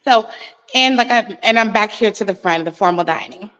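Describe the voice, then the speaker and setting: A woman's voice: medium pitch, normal speed, a bit bright, dull audio. A woman real estate agent giving a walking tour of a house, chatty and a little nervous, slightly out of breath. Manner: chatty, nervous, laughs often.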